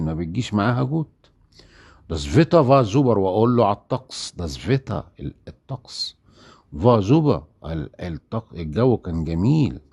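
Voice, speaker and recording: An Egyptian man teaching German in a lively way, acting out little dialogues and asking and answering his own questions. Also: lowish voice, creaky, no room sound. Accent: Egyptian Arabic. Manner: acts out little dialogues, asks and answers himself.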